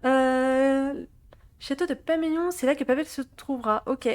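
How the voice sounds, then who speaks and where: Excitable high-voiced woman streaming a game. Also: a little slow. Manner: excitable, laughs often, reads game dialogue aloud in translation. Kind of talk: gameplay let's play commentary.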